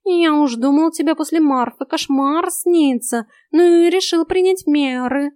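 A woman's voice: high-pitched, no echo, studio quality, pitched above the performer's own voice. A woman voicing a cheeky grumbling tomcat. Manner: grumbling, drawn-out, loud. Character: cheeky practical grumbling male house cat.

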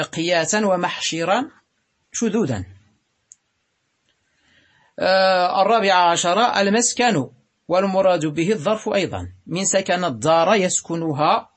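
Husky high-voiced man teaching Arabic grammar. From Morocco. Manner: slow and deliberate, drawing out words, with pauses and hesitations. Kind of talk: reading and explaining a grammar text.

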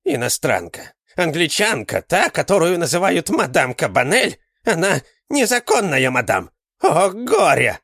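A man voicing an old male village fortune-teller who is sly and ominous, with excited exclamations and drawn-out words. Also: medium pitch, no echo, studio quality.

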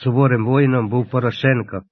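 A man narrating a historical story in a steady, solemn reading. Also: medium pitch, a little fast, dry recording. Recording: lo-fi dull audio, dry.

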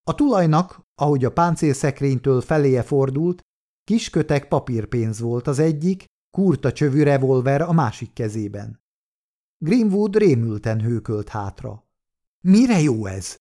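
A man narrating a short story as an audiobook reader, in a steady, measured way. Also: mid-range voice. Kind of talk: scripted narration.

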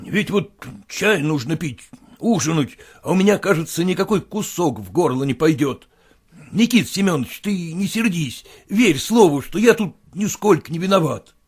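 A man's voice: a little high, expressive, moderate pace, breathy edge, pitched above the performer's own voice. A man reading aloud, voicing a flustered, indignant middle-aged merchant in a storybook. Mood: fretful. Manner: agitated, indignant outbursts.

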